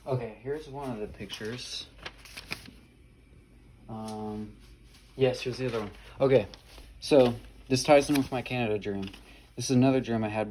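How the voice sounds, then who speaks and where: A man talks to camera in a loose, rambling way, stumbling over restarts and fillers while sounding earnest and sure of himself. His voice is dark and mellow, at an ordinary middle pitch. A faint hiss sits behind him. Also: poor audio. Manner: hesitant, many fillers and restarts; earnest, insistent. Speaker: vlogger recounting dreams. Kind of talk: casual rambling monologue.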